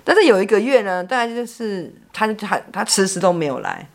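A woman's voice: medium pitch, big pitch swings, a little fast. A middle-aged woman with a Taiwanese Mandarin accent, telling a family story as a podcast guest in a frank, blunt way, often repeating words as she talks. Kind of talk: personal storytelling chat.

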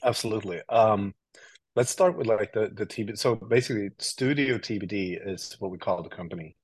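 Guest from Sweden, 30s, deep dry voice, laid-back rambling storyteller. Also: male voice, brisk, husky, dry recording, rough recording. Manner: relaxed storytelling with many fillers and restarts. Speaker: guest, creative officer. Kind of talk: casual interview talk.

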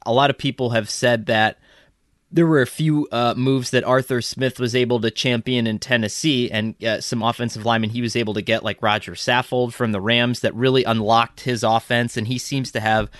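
A man co-hosts a casual sports podcast, rambling loosely with lots of ums and restarts. His mid-range voice is brisk, a bit bright, and fairly even in intonation, in a dry, studio-quality recording.

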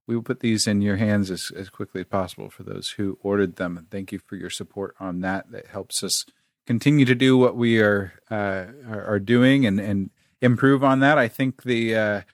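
Podcast co-host, male, lowish voice, halting casual delivery full of fillers, dry close sound. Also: no echo. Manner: halting, with many fillers and restarts.

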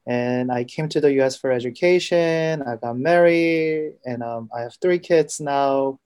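A middle-aged man from Korea with a Korean accent, a guest in an interview, talking hesitantly with many filler pauses. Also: medium pitch, darkish tone, smooth. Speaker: guest, forgiveness researcher and professor. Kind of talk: interview conversation.

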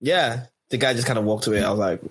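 A young man with a husky, slightly rough voice tells a story in a casual chat with friends, laughing as he goes. His pitch sits in an ordinary middle range. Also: fast.

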